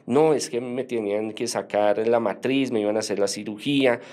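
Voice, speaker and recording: A man's voice: medium pitch, fairly even intonation, fairly quick, darkish tone, lightly acted. A man quoting an anxious sick woman who pleads urgently and insistently. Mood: pleading.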